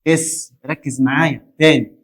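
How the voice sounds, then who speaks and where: Egyptian guy teaching english, kinda high voice, keeps asking "got it?" and drilling words. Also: moderate pace. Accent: Egyptian Arabic. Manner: lively, drills students, asks and answers his own questions. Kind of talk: Egyptian Arabic classroom lesson.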